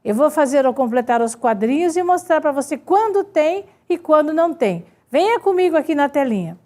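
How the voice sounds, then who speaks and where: A woman's voice: high voice, lively intonation, a little fast, dark tone. A woman teacher with a Brazilian accent giving an online grammar lesson, explaining step by step and often checking in with her students. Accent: Brazilian Portuguese. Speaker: Portuguese teacher.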